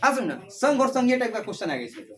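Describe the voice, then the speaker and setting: A man's voice: extremely high pitch, big pitch swings, racing, recorded from a distance, a crowd in the background. A male teacher lecturing and drilling a class, repeating questions and calling students beta. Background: students answering.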